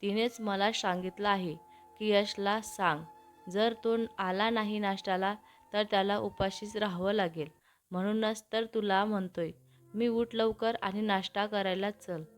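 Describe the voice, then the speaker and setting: A woman's voice: medium pitch, fairly even intonation, a little slow, faint music behind, natural voice. A woman reading as a teasing elder brother. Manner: teasing, coaxing.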